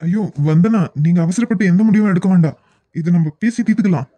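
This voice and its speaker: A man's voice: high voice, fast, dark tone, no echo. A man voicing a worried young colleague in a cartoon, coaxing and placating, with a Kanyakumari Tamil accent. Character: worried young male colleague trying to calm things.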